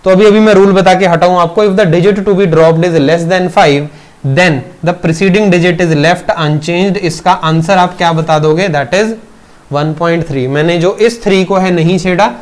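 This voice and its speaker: A male physics teacher with a fairly high voice walks students through a lesson one step at a time. He keeps asking them questions to check they follow, and he switches freely into English terms as he goes. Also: slow pace. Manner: mixes Hindi with English terms, addresses students as beta. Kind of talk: classroom lecture. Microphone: teaching video recording.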